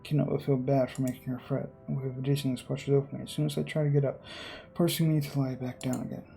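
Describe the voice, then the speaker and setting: Over game music, this man hosts a game video, dramatically reading visual novel text with offhand remarks and a few stumbles. His mid-range voice is dark and flat, with vocal fry and a quick pace.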